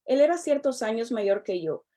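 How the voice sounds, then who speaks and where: A middle-aged woman delivers a prepared personal testimony. Her voice sits a little high yet sounds warm and mellow. She speaks in a measured, earnest, unhurried way. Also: big pitch swings. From El Salvador. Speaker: relationship and divorce coach.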